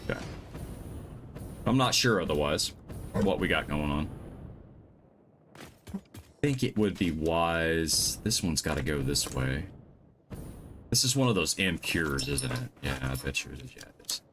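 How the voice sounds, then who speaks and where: A man's voice: extremely low pitch, lively intonation, unhurried, long pauses, fairly bright tone, a little hiss or hum. A man streaming a game live from home, chatting casually and thinking aloud as he plans his builds. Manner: thinks aloud, muttering to himself while planning. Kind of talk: casual gameplay commentary.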